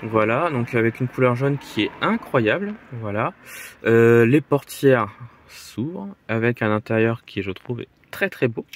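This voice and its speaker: Halting French vlogger, filler-heavy. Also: male voice, mid-range voice. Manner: halting, filler-heavy, repeats "très, très" and "voilà". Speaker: vlogger showing model car finds. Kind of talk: casual vlog commentary. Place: flea markets and indoors at home.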